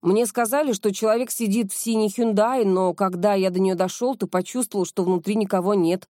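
A calm, modest young man, voiced by a woman reading an audiobook. He speaks in an understated, even way. The tone is dark and warm, and the recording is dry. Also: medium pitch, fairly quick, dry recording, lightly acted.

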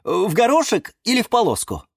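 A man's voice: high-pitched, huge pitch swings, brisk, creaky, husky, no room sound, studio quality, voice pushed up, heavily acted. A man voicing a cheerful young man in love, beaming and sing-song, in a children's storybook.

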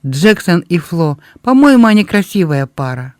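A man reading aloud, voicing a warm, easily moved young woman in a storybook with a bright, eager manner. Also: fairly low pitch, very animated, moderate pace, dry recording, clean studio sound. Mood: delighted.

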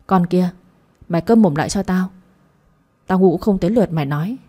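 A woman's voice: lowish voice, fairly quick, mellow, slightly rough. A woman voicing a bitter eldest sister who lashes out and despairs. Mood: angry. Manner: wailing, hurt outbursts.

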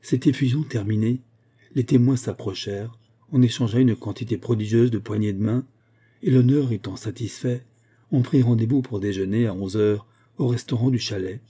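Man reading an old novel aloud, low dark mellow voice, husky. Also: normal speed. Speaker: audiobook narrator. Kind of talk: scripted narration of a classic novel.

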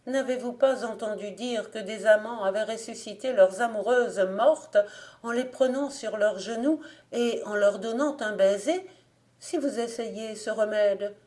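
A woman reading an audiobook voices a young servant girl whose speech goes from teasing to high, frantic pleading. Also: unhurried, a little mellow, close to an everyday voice. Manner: high-strung, pleading, rising to frantic cries.

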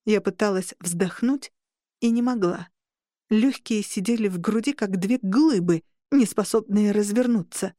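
Brief: female audiobook narrator, mid pitch, very dry close recording. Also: a little slow, warm tone, dry recording. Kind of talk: first-person audiobook narration.

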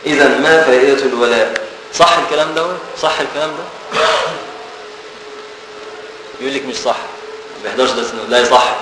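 A man's voice: medium pitch, a little fast, pauses often. Egyptian male teacher, banters with students, far from the mic. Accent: Egyptian Arabic. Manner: lively, bantering with students, repeats key words. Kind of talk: classroom lecture. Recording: echoey room from far off, ambient noise.

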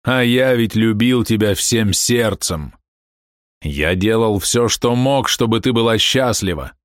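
A man's voice: fairly low pitch, expressive, unhurried, no echo, clean studio sound. A man voicing a big, betrayed husband who turns harsh and explosive. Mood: despairing. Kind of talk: audiobook character voice.

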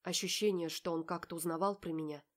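A woman reading a first-person romance novel aloud as the heroine, emotional and expressive. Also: lowish voice, fast. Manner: emotional, breathy-soft in inner thoughts, raised in quarrels. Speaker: audiobook narrator.

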